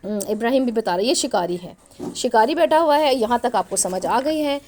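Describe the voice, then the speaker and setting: A woman's voice: on the high side, expressive, fairly quick, darkish tone, a little hiss or hum. A woman teacher reading a storybook aloud to young children, patiently spelling out the letters and asking questions as she goes.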